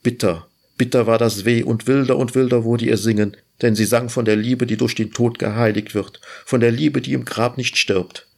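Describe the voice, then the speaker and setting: Man reading a fairy tale on his lit show, husky gravelly voice, slow lyrical. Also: mid-range voice, fairly even intonation. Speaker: host reading literature. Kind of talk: storybook reading.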